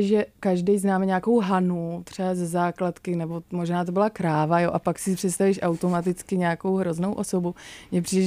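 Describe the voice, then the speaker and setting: A woman author, a guest in a radio studio, reading aloud calmly from her own book on a studio mic. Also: fairly low pitch, no room sound.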